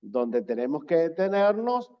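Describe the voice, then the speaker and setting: A man's voice: on the high side, sing-song. A man teaching public speaking in an online presentation, stressing points by repeating them. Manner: slow, deliberate delivery with repeated emphasis. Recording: slightly dull, lo-fi audio.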